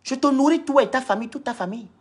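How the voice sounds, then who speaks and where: A woman's voice: sits high, racing. A woman from Gabon, scolding and lecturing her viewers in a heated, repetitive live-stream rant.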